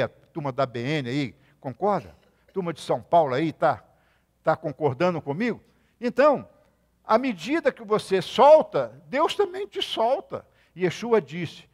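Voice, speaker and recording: A middle-aged Brazilian man preaching a sermon as a rabbi, lively and questioning his congregation, breaking into loud outbursts. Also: on the high side. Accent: Brazilian Portuguese. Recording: hall reverb.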